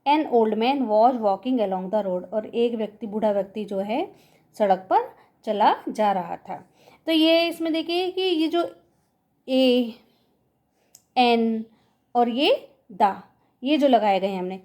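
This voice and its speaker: A woman teaching a school English lesson, explaining patiently in a mix of Hindi and English, reading example sentences very slowly and asking and answering her own questions. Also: high voice, darkish tone. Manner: addresses pupils as children, asks and answers her own questions. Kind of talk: recorded class lesson.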